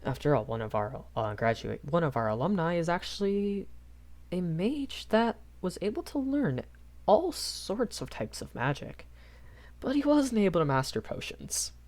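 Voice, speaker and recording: A performer voices a shy, earnest young professor at a magic academy in an improvised audio roleplay, delivering a rambling lecture full of hesitation, self-corrections, apologies and nervous chuckles. The voice is mid-range and a little mellow, with big pitch swings at a normal speed.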